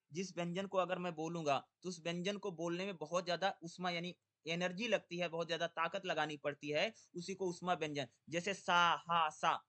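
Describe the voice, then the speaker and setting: A young man teaching an exam-prep lesson, asking rhetorical questions and answering them himself, and drawing syllables out slowly in his drills. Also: on the high side, pushed and bright.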